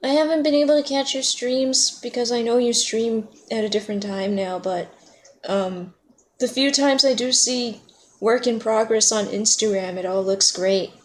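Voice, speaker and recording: A woman livestreams herself playing a video game, chatting casually, laughing a lot and replying to her viewers by name. Her voice is fairly high and her pace moderate.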